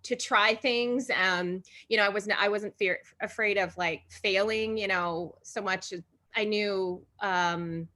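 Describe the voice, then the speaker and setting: A woman from Hawaii talks as a podcast guest, her voice bright and forward. She rambles warmly through her answers, stopping to restart sentences and laughing often. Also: medium pitch, fairly even intonation, slow. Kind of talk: casual interview chat.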